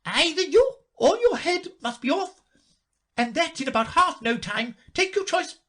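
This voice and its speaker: A man voicing a furious, imperious queen who shouts her commands in a storybook reading. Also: extremely high pitch, sing-song, a little slow, voice pushed up, full character voice.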